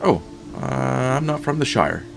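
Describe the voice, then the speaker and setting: A man's voice: mid-range voice, sing-song, a little slow, creaky, over music, pitched above the performer's own voice, full character voice. A man voicing a modest young male hobbit traveler who speaks plainly and a little hesitantly.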